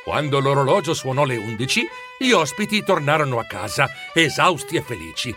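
A man reading a storybook aloud in an expressive, animated way. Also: medium pitch, fairly quick, faint music behind. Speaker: narrator. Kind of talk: storybook narration.

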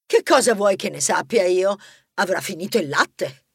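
A man's voice: sits high, animated, gravelly, fairly bright tone, husky, dry recording, studio quality, heavily acted. Rebella, a man voicing a bossy lady mouse. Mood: breezy. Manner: brisk, bossy and wisecracking. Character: bold, unflappable young female mouse ghost-hunter.

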